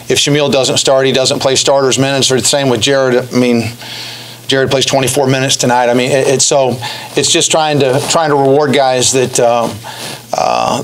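Middle-aged man, post-game press conference, monotone, halting restarts, podium mic. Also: mid-range voice, slight background noise, low-quality recording. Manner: halting, many restarts and fillers, measured and subdued. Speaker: head basketball coach. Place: press room in front of a backdrop. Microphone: stand mic at the podium.

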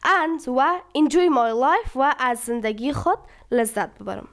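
A woman teaching English vocabulary. She reads each English sentence slowly and then explains the words one by one. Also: sits high, expressive, fairly bright tone. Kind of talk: bilingual vocabulary lesson.

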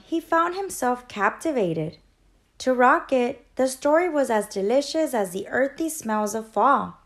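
A woman teacher reading a children's picture book aloud in an expressive, gentle storytelling manner. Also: sits high.

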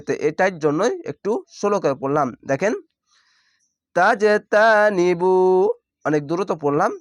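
Man spelling out syllables, higher voice. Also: dry recording, studio quality. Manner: spells out syllables slowly, then chants the word drawn out. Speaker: Quran reading teacher. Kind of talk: step-by-step spelling lesson.

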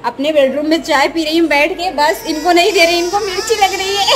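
Against heavy background noise, a woman vlogs indoors at the family home with a very high-pitched, steady, fairly quick voice. She uses cooing, sing-song baby talk with her little niece while recounting her day.

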